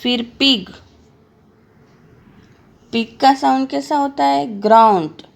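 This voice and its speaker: A woman's voice: high voice, takes it slowly, creaky. A woman teacher giving a lesson to young children, spelling words out letter by letter and asking questions she answers herself.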